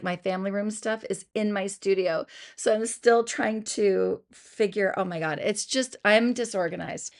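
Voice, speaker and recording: A Canadian woman in her fifties, chatting casually on a livestream from her basement home studio, oversharing and apologizing as she greets viewers, through her computer's built-in mic. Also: mid-range voice. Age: 50s. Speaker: beauty vlogger. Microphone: computer mic, no good equipment.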